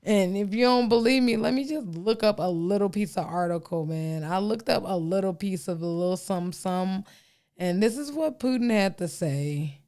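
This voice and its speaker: A woman's voice: medium pitch, normal speed, darkish tone. A woman from the United States, hosting a podcast and talking through the news in a casual monologue, reading excerpts aloud with her own asides. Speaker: podcast host.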